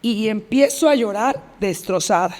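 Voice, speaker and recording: Her voice is mid-range, measured in pace and darkish in tone, heard in a large hall. She is a Mexican-accented podcast interview guest, vividly retelling a personal story, reenacting past dialogue and repeating phrases as she relives the moment.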